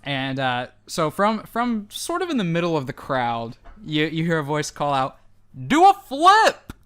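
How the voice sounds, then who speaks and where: A game master narrating a tabletop game in a lively, halting way with many restarts. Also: mid-range voice, smooth.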